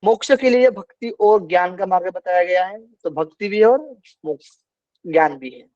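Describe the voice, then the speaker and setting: A man's voice: high voice, normal speed, a little mellow, dry recording, dull audio. A male teacher giving an online philosophy class, explaining patiently and repeating key points.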